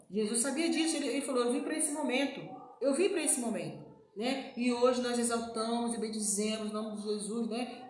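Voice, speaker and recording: A Brazilian woman preaching an informal sermon in a chatty way, often turning to her listeners with little asides. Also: a little high. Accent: Brazilian Portuguese. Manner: chatty, frequent "né, gente" asides. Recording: very echoey room, faint noise.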